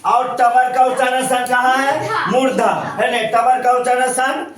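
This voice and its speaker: A man's voice: very high voice, fairly even intonation, normal speed, a crowd in the background. A male teacher giving a classroom grammar lesson, repeating points and asking questions constantly. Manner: repetitive, asks questions constantly. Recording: echoey room, voice from far off.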